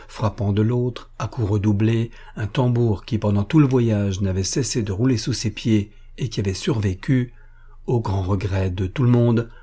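A man narrating an audiobook of a classic novel, measured and expressive. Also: lowish voice, slightly rough.

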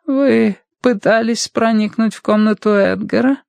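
A thin, limp, nagging financier's voice, put on by a male audiobook narrator, pitched well above the reader's own. He pries and accuses with a whiny persistence. The sound is dry and close. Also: a little slow, gravelly, no room sound. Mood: suspicious. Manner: prying, accusing. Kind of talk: audiobook character voice.

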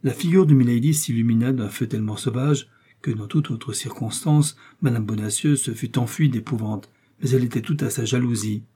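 Man with a dark, husky voice narrating. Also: mid-range voice, a little fast. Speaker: audiobook narrator. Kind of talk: classic novel reading.

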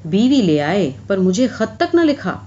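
A woman's voice: medium pitch, very animated, warm tone, lo-fi sound, close to an everyday voice. A woman reading aloud, voicing a hurt young woman who speaks bitterly and reproachfully to a former lover.

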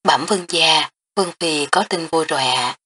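A woman's voice: low voice, normal speed, sharp tone, slightly rough, full character voice. Woman voicing a stammering old court physician. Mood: astonished, deferential. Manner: stammering, deferential. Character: old male imperial physician, timid and flustered.

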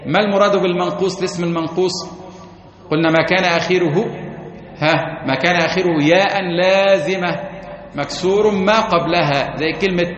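A man teaching an Arabic grammar lesson to a class. He reads a passage aloud, explains it, asks his listeners questions, and slowly chants verses and example words. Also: high-pitched, fairly even intonation, a bit bright. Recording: echoey hall, muffled lo-fi sound, audience present.

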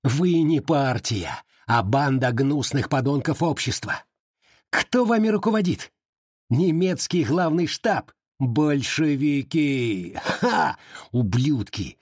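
Guy doing a furious officer yelling insults, husky voice, dry sound. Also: medium pitch, animated, measured pace, no room sound, voice pushed up. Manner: shouting, spitting insults. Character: enraged male army officer, contemptuous and defiant. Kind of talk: audiobook character voice.

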